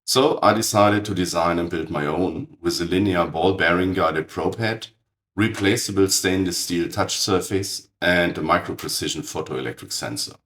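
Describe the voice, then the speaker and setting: Raspy-voiced man with a cold. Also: sits low, moderate pace, a bit bright. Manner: precise, matter-of-fact, blunt verdicts on tools. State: hoarse from a cold. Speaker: channel host. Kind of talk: scripted technical narration.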